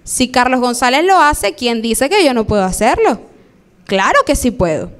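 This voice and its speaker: A young Venezuelan woman preaching a live sermon in a church, lively and acting out the voices she quotes. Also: high voice, normal speed.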